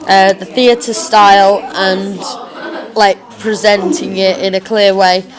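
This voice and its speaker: A young woman speaks in a slightly rough, working-class English accent with a chavvy edge. She gives an informal reflection at a slow, halting pace, thinking aloud as she goes. Chatter from other people is clearly audible behind her. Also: medium pitch, level tone, low-quality recording. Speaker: drama student recording a reflective blog. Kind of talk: informal spoken self-review.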